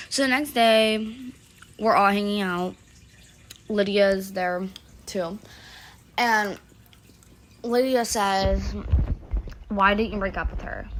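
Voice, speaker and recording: Young woman, bright and sharp voice, rambling casual storytime narration with heavy fillers. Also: mid-range voice, slight background noise. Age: young adult. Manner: rambling, valley-girl fillers, quotes others loosely.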